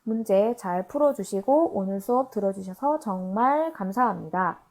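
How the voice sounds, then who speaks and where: A woman teaching a high school literature class in a recorded online lecture, explaining an old poem by acting out its lines in casual paraphrase. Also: lively intonation, moderate pace, darkish tone.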